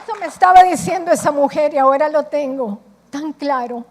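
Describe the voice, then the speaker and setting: A woman's voice: high voice, a little fast, a little mellow, a little hiss or hum. A woman from Costa Rica with a Costa Rican accent, preaching a sermon with emphatic repetition. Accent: Costa Rican Spanish. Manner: emphatic, repeats phrases for effect.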